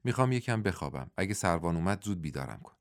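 A man's voice: deep voice, sing-song, dry recording, studio quality. A man reading the part of a wounded, weary young man in a storybook, speaking in a tired, subdued way.

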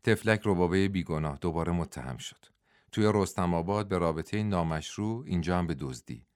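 A man's voice: low-pitched, darkish tone, no room sound, studio quality, lightly acted. A man reading a bitter young wrestler. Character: young male wrestling champion, troubled. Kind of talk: audiobook dialogue.

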